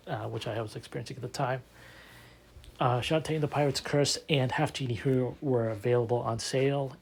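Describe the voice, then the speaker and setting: A man speaking earnestly in a casual monologue, halting often with filler words. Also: medium pitch, vocal fry, darkish tone, slightly rough. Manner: earnest, halting with ums and uhs. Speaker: community member.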